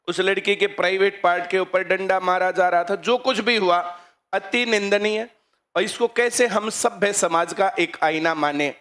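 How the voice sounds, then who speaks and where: A man's voice: high-pitched, a bit bright. A man teaching at a coaching centre, lecturing students on current affairs and firing rhetorical questions at them.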